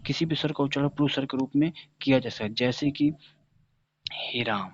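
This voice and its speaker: A man's voice: mid-range voice, steady tone, fast talker. A man teaching Hindi grammar, sounding out letters one by one and answering his own questions as he drills the class. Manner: asks a question, then answers it himself. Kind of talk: classroom-style grammar lesson. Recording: dull lo-fi recording.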